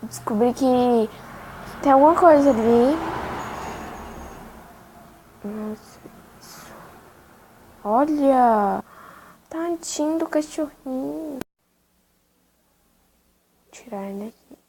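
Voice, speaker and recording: A woman's voice: high-pitched, takes it slowly, creaky, pauses often, mellow, slight background noise. A young woman chatting casually as she plays a video game, talking to viewers and cooing at a dog in the game. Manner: chatty, talks to her game dog in baby talk. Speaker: gaming youtuber.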